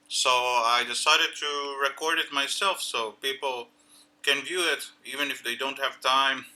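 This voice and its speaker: A man chatting casually on a livestream, greeting viewers and explaining things haltingly with many fillers. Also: medium pitch, pushed and bright. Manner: greets chat viewers by name.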